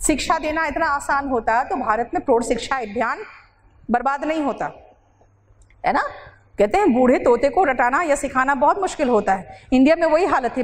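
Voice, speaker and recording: A high-pitched woman teacher lectures in a classroom, quizzing her students and answering her own questions. English phrases run through her explanations. Her voice rings with a long reverb, and a faint hiss sits underneath. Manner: asks students questions and answers them herself. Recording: reverberant hall with faint noise.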